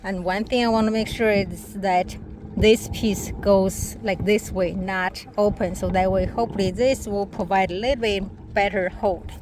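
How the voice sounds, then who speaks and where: On a small motorboat out on the water, a woman demonstrates a product in a casual hands-on test, tossing off short, broken remarks as she works. Her medium-pitched voice stays steady at a moderate pace. The noisy outdoor recording carries boat and water sounds.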